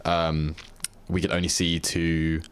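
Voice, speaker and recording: A young man with a very low voice, co-hosting a rambling science chat. He talks in excitable bursts and breaks in with mock exasperation, his pitch leaping up when something amazes him. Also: slow pace, clean tone. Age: young adult. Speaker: co-host.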